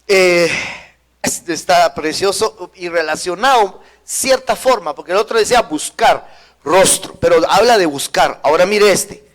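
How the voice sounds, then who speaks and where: A man's voice: high-pitched, expressive, unhurried, a bit bright. A male pastor delivering a sermon, repeating key words for emphasis and dropping in humorous asides.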